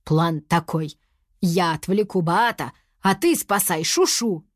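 A woman's voice: lowish voice, takes it slowly, dry recording, studio quality. A woman voicing a fussy, preachy male mentor in a storybook reading, lecturing and grumbling. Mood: earnest. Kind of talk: storybook character voice.

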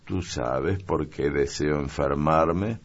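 A man voicing a refined, moody young noblewoman in a slow, deliberate, raised voice in an audiobook reading. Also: a bass voice, highs cut off, heavily acted.

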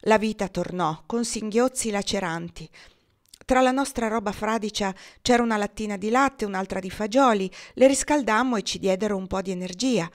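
A woman reading a translated memoir aloud as audiobook narration, with slow, dramatic pauses. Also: mid-range voice. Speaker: reader.

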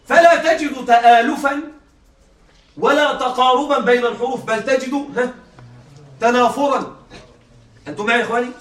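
Guy teaching a class, really high voice, echoey room, mic far off. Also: fairly bright tone, slight background noise. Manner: engaging, keeps checking students follow. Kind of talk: classroom lecture.

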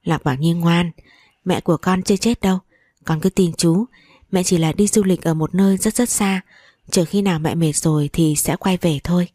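A woman's voice: lowish voice, steady tone, moderate pace, warm tone, no room sound, studio quality, lightly acted. A woman voicing an evasive young man who talks politely and placatingly, in a storybook reading. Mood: gentle.

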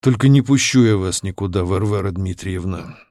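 A man reading a storybook voicing a brooding middle-aged widower who speaks low, slow and softly, slightly slurred. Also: no room sound, natural voice. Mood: quiet, stern.

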